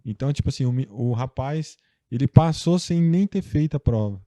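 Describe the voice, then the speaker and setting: A man's voice: medium pitch, lively intonation, fairly quick, warm tone, no echo. A young Brazilian man, a guest in a casual interview, telling a personal story in a loose, chatty way full of fillers. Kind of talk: casual conversation.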